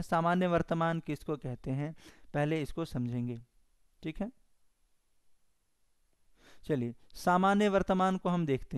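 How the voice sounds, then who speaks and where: A man with a Bihari Hindi accent teaches grammar in an online exam-prep class. His voice sits a little high and comes through very crisp and dry, close to the mic. He dictates definitions slowly, repeating each phrase so students can write along. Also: no room sound. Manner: slow, repetitive dictation of definitions.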